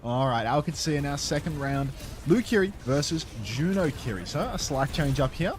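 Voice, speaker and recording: A man's voice: on the high side, expressive, normal speed, a little hiss or hum. A man who has just woken up, casually chatting on a stream and reading messages from chat aloud in a loose, joking way. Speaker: esports co-streamer host. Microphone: headset.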